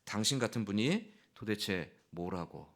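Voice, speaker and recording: A man's voice: on the low side, animated, a little slow, a bit bright, voice pushed down, exaggerated voice. A man voicing an angry, bitter male prophet who rants at God in anguished outbursts. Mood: furious.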